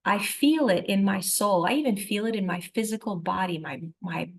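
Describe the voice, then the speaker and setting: A woman's voice: medium pitch, normal speed, gravelly, breathy edge. A woman minister telling a personal testimony in a conversational way, with many "you know" fillers and an earnest, reflective manner. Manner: earnest and reflective, with sudden rises in loudness.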